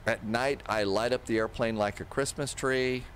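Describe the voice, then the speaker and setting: Speaking at a moderate pace in a mid-range voice, a man in his sixties walks himself through each step of a flight simulator in a casual, instructional way. The setting is an indoor home stream with a close desk microphone, and steady simulated engine and cockpit noise runs underneath.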